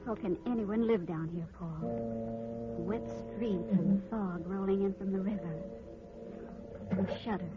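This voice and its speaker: An actress playing an anxious, devoted wife in a 1940s radio drama, heard over an old AM radio broadcast. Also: female voice, on the low side, lively intonation, slow pace, pauses often, phone-quality sound, over loud music. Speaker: worried wife.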